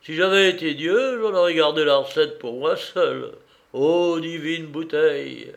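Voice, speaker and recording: Man doing a loud drunken reveler. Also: on the high side, unhurried, creaky. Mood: drunken bluster. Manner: boisterous, raised and tipsy declamation. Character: loud drunken male reveler hunting his glass.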